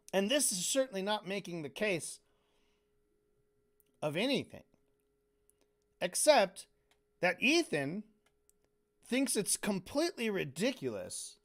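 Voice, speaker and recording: A man's voice: high voice, a bit bright. A man commentating on a stream in a casual, profane way, breaking into mocking impressions.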